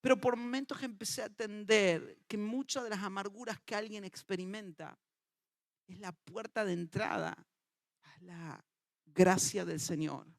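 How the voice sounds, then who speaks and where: A male pastor, preaching a sermon with passion and swinging from loud to hushed. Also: high-pitched, a little slow, creaky.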